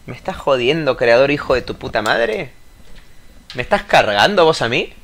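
A man doing loud let's-play commentary, swearing, yelping and ranting at the game. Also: medium pitch, very animated, moderate pace, gravelly. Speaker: gaming YouTuber.

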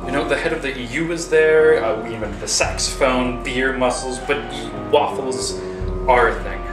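A young man acting in a homemade comedy sketch, talking deadpan and breaking into indignant rants. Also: medium pitch, normal speed, music in the background. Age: young adult. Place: small apartment kitchen, indoors. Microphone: camera mic from across the room. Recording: roomy, distant camera sound.

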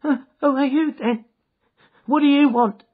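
A man's voice: high-pitched, animated, normal speed, breathy edge, phone-quality sound, voice pushed up. A man voicing a nervous, cringing little man in an audiobook, with a thin, whining, quavering voice. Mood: frightened, suspicious. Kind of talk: audiobook character voice.

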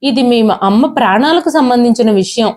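A woman's voice: a little high, animated, normal speed, a little mellow, lightly acted. A woman storyteller voicing a retired old father who pleads tearfully with his son. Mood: pleading.

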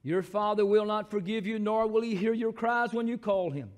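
A man with a Southern accent, a pastor preaching a sermon in church, moving between shouted scripture and quiet, folksy asides. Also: normal speed. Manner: preaching, swings from shouted proclamation to low asides. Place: church sanctuary.

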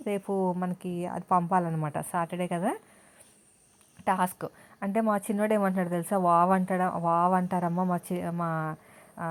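Chatty housewife vlogger, thirties, mid-pitched, talks straight to viewers. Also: female voice. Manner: talkative, addresses viewers directly. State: tired. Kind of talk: casual chatty home vlog.

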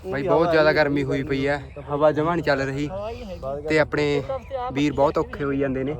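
A man's voice: fairly high pitch, little pitch movement, a little fast, a crowd in the background. A man with a Malwa Punjabi accent giving chatty, informal vlog commentary outdoors in a farm field. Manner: chatty, addresses viewers and friends informally. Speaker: vlog host.

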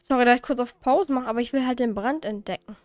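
A woman's voice: a little high, fast talker, no echo. Chatty woman commenting on her game. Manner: chatty, exasperated, swears lightly. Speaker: let's play host. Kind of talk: casual gameplay commentary.

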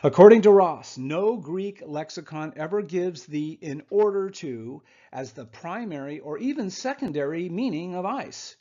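A man's voice: on the high side, animated, a little slow, hardly any pauses, mellow. A man giving a conversational Bible lesson over slides, often checking in with "okay?" asides. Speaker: Bible teacher. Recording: muffled lo-fi voice recording.

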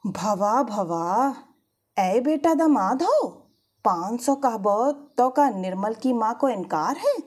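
A woman voicing a shrewd, bossy old aunt who coaxes and scolds in a rustic way, with a husky voice. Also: a little high, expressive, slow, a little mellow, exaggerated voice. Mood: coaxing. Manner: coaxing, rustic dialect.

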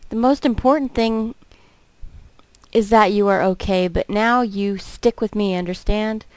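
A woman's voice: mid-range voice, a little slow, smooth, dry recording, lightly acted. A woman voicing a stern, protective teenage boy in a dating game, in her own plain reading voice.

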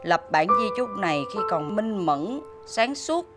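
An actress playing an emotional, devoted daughter-in-law, pleading and tearful. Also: female voice, mid-range voice, sing-song, a little slow, loud music behind the voice. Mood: reading.

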